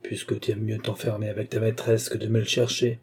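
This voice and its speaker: A man's voice: lowish voice, completely flat delivery, brisk, darkish tone, slightly rough. A man voicing a scornful ancient alchemist. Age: older. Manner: imperious, scornful, rising to fierce outbursts. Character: ancient male alchemist, frail, bedridden, tyrannical. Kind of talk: audiobook character reading.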